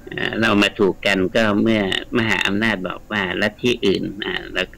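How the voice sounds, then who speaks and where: A man's voice: lowish voice, little pitch movement, fairly quick, vocal fry, bright, forceful tone, poor audio. A man, a guest scholar, explaining at length in a radio studio interview, chatty and lecturing, with frequent polite particles. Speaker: guest scholar of the Mekong region.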